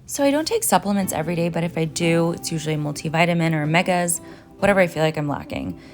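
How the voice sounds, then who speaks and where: With faint music playing behind her, a woman in her thirties from Finland talks fast and expressively in a fairly low voice. She's a nutritionist and vlogger, cheerfully walking "guys" through her day of eating in a chatty, casual way.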